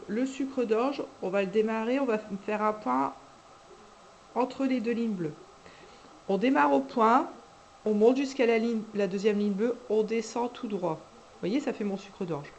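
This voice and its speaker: A woman teacher calmly explains how to write each cursive letter, naming every stroke as she draws it. Her voice sits at an ordinary middle pitch and stays patient and even. A faint background noise runs under the recording. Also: poor audio. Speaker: kindergarten teacher. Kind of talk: handwriting lesson, step-by-step.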